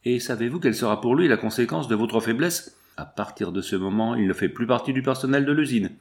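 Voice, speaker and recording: A man's voice: mid-range voice, fairly quick, lightly acted. A man reading the part of a stern, curt factory foreman in an audiobook. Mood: reproachful. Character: stern male factory foreman, rough-voiced.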